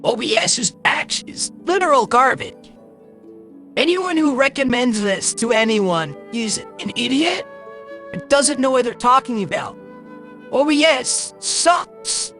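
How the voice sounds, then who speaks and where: A high-pitched streamer talks slowly with lively intonation and a fairly bright tone, grumbling bluntly and with exasperation during casual livestream gaming commentary. Game music plays, and a voice changer appears to be in use.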